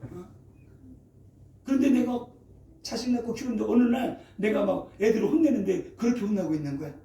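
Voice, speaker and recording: In a church sanctuary, a middle-aged male pastor preaches a sermon in a high, dark-toned voice at a slightly fast pace. He keeps prompting the congregation with rhetorical "eh?" and "right?", the "어?" and "예?", recorded from a distant mic in an echoey room with faint ambience.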